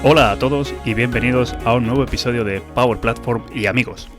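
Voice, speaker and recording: A man from hosting an interview, speaking slowly and deliberately over a video call. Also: medium pitch, over music. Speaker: podcast host. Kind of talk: casual interview chat.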